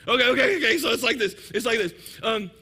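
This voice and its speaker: A male pastor preaching a sermon, animated and playful, acting out little everyday scenes. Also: very high-pitched, quick pace, slightly rough.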